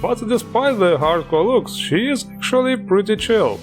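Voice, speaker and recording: A man's voice: high voice, lively intonation, normal speed, over music. Upbeat man presenting game mods. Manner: upbeat, joking, enthusiastic. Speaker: host. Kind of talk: game mod showcase narration.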